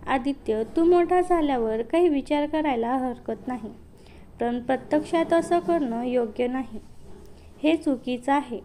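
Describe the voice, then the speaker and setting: A woman's voice: high voice, measured pace, dark tone, slight background noise. A woman voicing a tearful, pleading young elder sister in a read-aloud story. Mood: hushed resigned.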